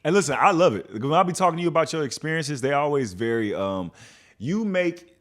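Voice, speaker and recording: Young male podcast host, lively swinging delivery, storyteller who plays out every quote. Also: on the high side, brisk. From Texas. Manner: animated storytelling, acts out quotes. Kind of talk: casual chat.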